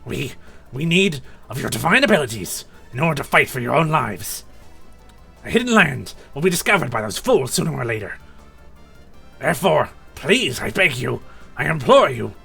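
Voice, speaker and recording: Groveling, formal ghost servant from a video game, read by a man, lively pitch. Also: moderate pace, gravelly, slightly rough, soft background music, heavily acted. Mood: pleading. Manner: formal, pleading.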